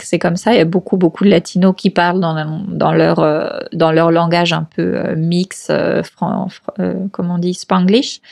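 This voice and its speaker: A woman's voice: medium pitch, a little mellow. Chatty French-speaking woman guest. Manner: chatty, many fillers and restarts, laughs easily. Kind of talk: casual conversational interview.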